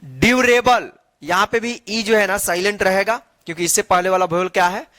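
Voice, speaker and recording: A man with a high-pitched voice teaches a phonics lesson, spelling each word letter by letter before reading it aloud. He patiently asks the class to repeat after him. The recording is close and dry. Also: brisk, pushed and bright, no room sound. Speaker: English teacher.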